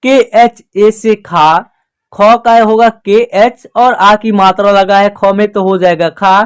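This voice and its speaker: Patient teacher with a smooth, clear voice. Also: mid-range voice, fairly even intonation. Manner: asks questions and answers them itself; slow, patient and repetitive explaining. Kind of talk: spoken classroom lesson.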